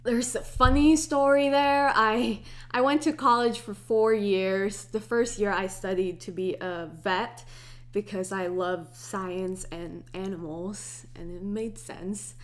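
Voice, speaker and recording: A young woman in her twenties from Hong Kong, chatting casually through a get-to-know-me Q&A vlog. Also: medium pitch. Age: 20s. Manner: relaxed, unhurried, chatty with restarts. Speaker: YouTuber.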